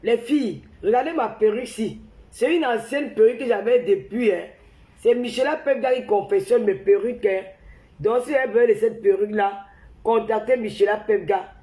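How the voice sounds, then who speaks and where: A Cameroonian woman with the flu hosts a casual phone livestream, ranting heatedly and repetitively right at her viewers. Her fairly high, dark-toned voice moves at a moderate pace, and the audio is poor with an echoey room.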